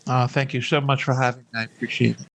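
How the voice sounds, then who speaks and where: A man's voice: mid-range voice, level tone, quick pace, gravelly, a bit bright, no room sound, low-quality recording. An older man speaking conversationally as an interview guest, often repeating words as he works through his thoughts. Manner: hesitant, repeating words and phrases as he thinks aloud. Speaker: podcast guest, hospice nurse.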